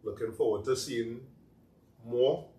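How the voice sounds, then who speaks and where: With a slow pace and a dark tone at medium pitch, a talk show guest with a Trinidadian accent chats casually, animatedly telling stories in Creole phrasing. The recording picks him up from a distance in an echoey room with faint noise.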